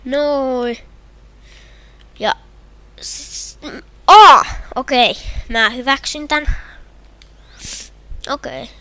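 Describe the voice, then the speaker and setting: A young woman with a Finnish accent commenting on her own hockey video game match, shouting and groaning at the plays. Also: high-pitched, pauses often. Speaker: gamer. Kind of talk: gameplay commentary.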